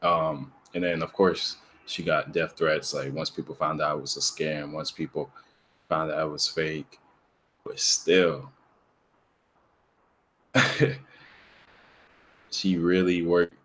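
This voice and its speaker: A man's voice: very deep voice, steady tone, slow, pauses often, fairly bright tone. A man hosting a casual discussion podcast, telling a story in a laid-back way and laughing as he goes. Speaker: podcast host.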